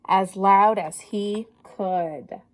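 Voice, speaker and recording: In a mid-range voice, a woman reads a children's story aloud the way a teacher would, animated and encouraging. She pauses to put questions directly to the young listeners.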